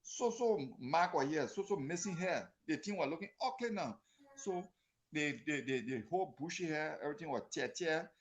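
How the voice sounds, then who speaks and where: Speaking with a Liberian accent, this man is a storyteller and author whose casual chat and lively stories come in exclamatory, colloquial English full of phrases repeated for effect. His voice is a little high, with lively intonation at a normal speed.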